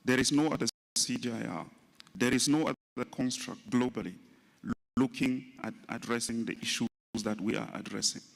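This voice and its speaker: A man giving a formal closing speech at a conference. He speaks in a measured, rallying way and repeats his key phrases. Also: mid-range voice, creaky. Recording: long reverb in a large hall.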